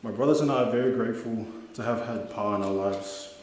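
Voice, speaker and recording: A man's voice: on the low side, brisk, a little mellow. Young man speaking in a very echoey hall. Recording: very echoey hall with background noise.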